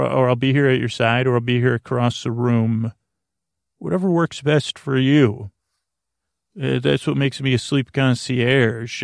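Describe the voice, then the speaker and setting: In a close, dry recording with no echo, a man with a gravelly, creaky voice, the host and creator of a sleep podcast, soothes the listener with a rambling bedtime monologue. His pitch stays quite flat as he drifts along, hesitating, stumbling, repeating and trailing off mid-word.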